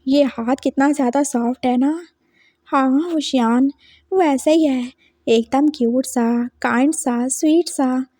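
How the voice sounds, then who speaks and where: A woman's voice: sits high, unhurried, mellow, dry recording, studio quality. A woman narrating a fan fiction story in a casual, chatty way, with her own asides.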